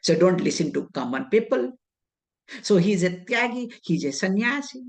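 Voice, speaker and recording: Very animated, at medium pitch, a woman with an Indian English accent lectures on scripture as a spiritual teacher. She chooses her words deliberately, sprinkles in Sanskrit, and poses rhetorical questions only to answer them herself.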